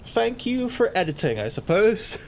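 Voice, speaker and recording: A man with a slightly high voice talks himself through a video game in a casual, self-narrating way. He thinks aloud as he goes. There is faint background noise and game ambience behind him. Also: big pitch swings, moderate pace, creaky. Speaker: gaming video host. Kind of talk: casual gameplay commentary.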